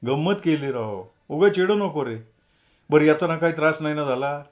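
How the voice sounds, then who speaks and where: A man voicing an outspoken, teasing young college man who talks loud and lively. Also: on the high side, normal speed, voice pushed up, natural voice.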